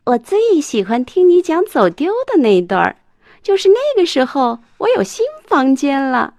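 A woman doing a shrill cheeky little girl. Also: sing-song, normal speed, a little mellow, no echo. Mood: excited. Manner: shrill, squealing, pleading. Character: excitable little girl, cheeky younger sister. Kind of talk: children's storybook reading.

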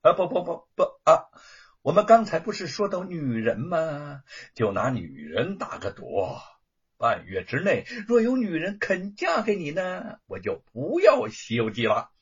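A cackling, spoiled young lordling, as a man puts him on mocks his rival in a storybook tale. The voice rides high and swoops wildly up and down, with a husky, breathy grain. The recording sounds dull and muffled. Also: huge pitch swings, measured pace, exaggerated voice. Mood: gloating. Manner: taunting, cackling, sneering. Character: gloating spoiled young male lordling, cruel mocker.

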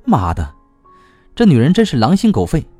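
A man's voice: mid-range voice, huge pitch swings, normal speed, mellow, husky, no room sound, faint music behind, voice pushed up. A man reading a novel aloud, voicing a blunt young woman who speaks vehemently and decisively. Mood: furious. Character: blunt, fierce young woman, the heroine's cousin.

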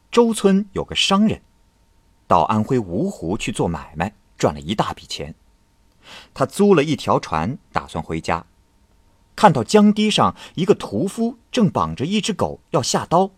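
Lively male storyteller with dramatic swings. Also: lowish voice, slightly rough, no echo. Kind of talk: scripted narration of classical ghost tales.

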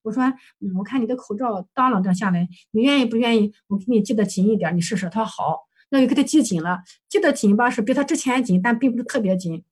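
A woman's voice: on the high side, fast, hardly any pauses, husky. A woman counselor presenting a client case for supervision, recounting session dialogue hesitantly with many fillers and self-corrections.

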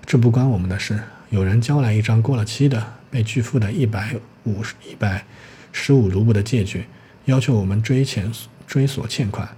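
A smug police clerk rattles off legal procedure in a dry, official manner, as a male narrator plays him. His voice is low and mellow, with faint noise underneath. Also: fairly quick, close to an everyday voice.

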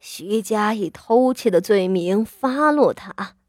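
A woman's voice: medium pitch, animated, darkish tone, no room sound, studio quality. A woman voicing a cold, stern old matriarch. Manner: slow, cold, scolding.

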